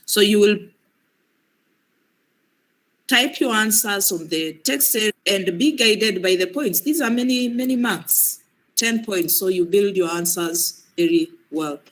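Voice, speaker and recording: In this live training demonstration, a woman from Kenya guides students through an online exam with patience, repeating her points often. Her mid-range voice breaks because she has a cold, and the audio is poor.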